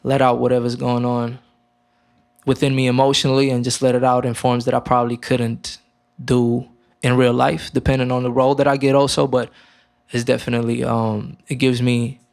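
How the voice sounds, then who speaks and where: This mid-range male voice has noticeable vocal fry. He's a young guest musician from Romania, speaking loosely in an interview, relaxed yet halting, with lots of fillers and false starts.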